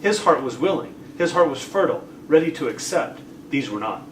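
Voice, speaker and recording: A man's voice: fairly high pitch, animated, brisk, a bit bright. A man in a Bible class answering the teacher's questions thoughtfully, explaining his view. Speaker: class member. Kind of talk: classroom discussion. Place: church classroom. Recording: echoey room, far mic, faint hiss.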